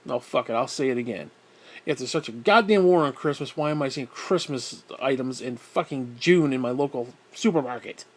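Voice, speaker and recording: A man's voice: mid-range voice, lively intonation, moderate pace. A man ranting in a vlog, blunt and exasperated, swearing constantly and sighing heavily. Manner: profane, blunt, exasperated, with heavy sighs. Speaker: vlogger. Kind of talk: angry ranting monologue.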